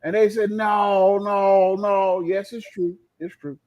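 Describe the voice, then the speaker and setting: A high-pitched man from North Carolina talks as a guest in a casual interview. He tells stories with boastful humor, and his audio sounds dull and lo-fi. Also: flat delivery, slow pace. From North Carolina, United States.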